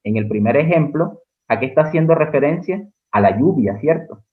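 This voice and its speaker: A man's voice: fairly high pitch, animated, moderate pace. A male teacher with a Colombian accent giving an exam-prep lecture, explaining step by step and asking the class rhetorical questions. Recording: narrow phone-like audio.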